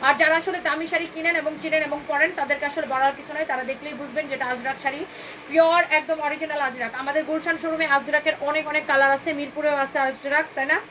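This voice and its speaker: A woman hosting a live clothing sale, talking in a chatty, repetitive sales pitch, slipping English phrases in and bantering with viewers' comments. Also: fairly even intonation, quick pace, bright, forceful tone, slight background noise, rough recording.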